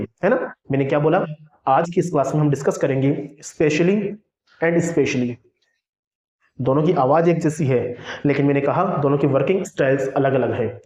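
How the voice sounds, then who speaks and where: A man's voice: on the high side, a little mellow. A man with a Hindi accent teaching an English lesson, who asks questions and answers them himself. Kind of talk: classroom lesson. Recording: echoey, dull lo-fi room sound.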